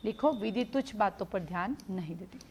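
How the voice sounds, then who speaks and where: A woman teaching a live law class, explaining through lively everyday stories, mixing Hindi with English legal terms and repeating key points for students to note. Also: medium pitch, fairly quick, a little hiss or hum. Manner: animated storytelling with everyday examples.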